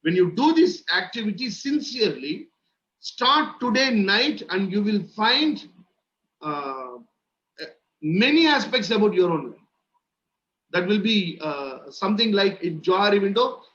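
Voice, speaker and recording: Male session leader, Indian accent, high voice, encouraging and repetitive, on a muffled call. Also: big pitch swings, measured pace, a bit bright. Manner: encouraging, repeats phrases. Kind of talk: interactive online teaching. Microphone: video call. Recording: muffled online call audio, faint noise.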